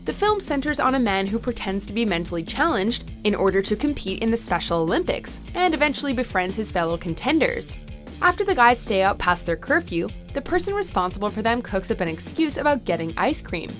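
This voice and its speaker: A woman's voice: on the high side, very animated, brisk, a bit bright, soft background music. A woman reading scripted narration for a countdown video as its narrator.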